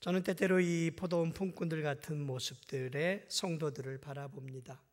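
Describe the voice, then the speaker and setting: A man preaching a sermon as pastor, dramatic, dropping to hushed asides and rising to loud, pleading outbursts. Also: a little high, steady tone, normal speed, in a large hall.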